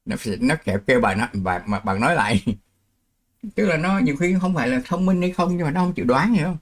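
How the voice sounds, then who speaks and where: A man's voice: fairly high pitch, lively intonation, quick pace. A middle-aged man from Vietnam, hosting a live stream in casual chat, explaining with worked examples and laughing easily.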